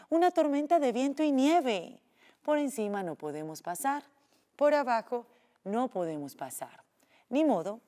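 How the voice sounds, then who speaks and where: A woman's voice: fairly high pitch, darkish tone. A woman teacher telling a children's story in a playful, sing-song way, acting out the sound effects.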